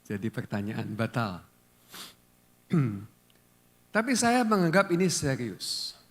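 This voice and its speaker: Slow-speaking male pastor. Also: mid-range voice, big pitch swings, fairly bright tone. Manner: conversational, asks the congregation questions. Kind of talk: sermon. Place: church.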